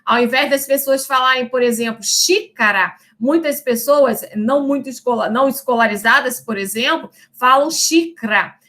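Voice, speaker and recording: Bright, high-voiced woman teaching a lesson. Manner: didactic, checks in with "né?" and "tá?"; stretches out example words slowly. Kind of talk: recorded lecture.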